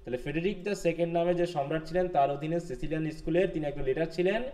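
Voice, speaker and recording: Male teacher from Bangladesh, rapid and questioning, a bit high-pitched, on a video call. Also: mellow. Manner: questions students, mixes English terms into lecture, mildly scolding. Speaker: English literature teacher. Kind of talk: live online class lecture.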